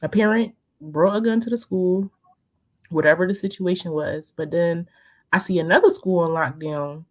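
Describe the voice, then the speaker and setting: Woman podcast guest, lowish voice, relaxed and casual, easygoing storytelling. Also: moderate pace.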